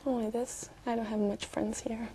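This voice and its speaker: A young woman from Brazil, an exam candidate speaking hesitantly with many fillers and pauses. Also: fairly high pitch, level tone, mellow, slightly rough. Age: young adult.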